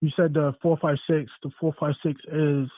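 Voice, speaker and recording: A man's voice: a little high, flat delivery, moderate pace, no echo. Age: unknown. Sex: man. Role: caller over the phone. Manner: hesitant with fillers. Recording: tinny phone line, sounding far from the handset, dry. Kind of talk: casual call-in question.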